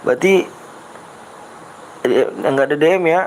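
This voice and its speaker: Fairly high-voiced casual streamer man. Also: measured pace, a little hiss or hum, low-quality recording. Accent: Jakarta Betawi slang. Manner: patient, reads chat, repeats himself coaxingly. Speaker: game livestream host. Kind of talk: casual livestream chat.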